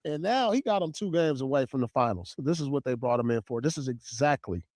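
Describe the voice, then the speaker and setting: A man's voice: medium pitch, lively intonation, a little fast, a little mellow, no room sound, studio quality. A man giving casual basketball analysis, often saying "you know what I'm saying". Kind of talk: casual sports commentary.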